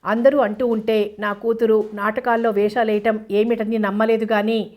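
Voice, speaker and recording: A woman's voice: fairly high pitch, level tone, normal speed, darkish tone, natural voice. A woman reading the lines of a bitter, gaunt older father who answers his daughter indignantly, in an audiobook.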